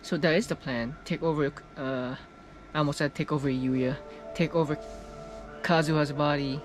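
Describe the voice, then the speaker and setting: Playing a video game, a streamer reacts casually in a steady, medium-pitched voice at an ordinary speed. The recording is rough, with loud game music and in-game dialogue in the background.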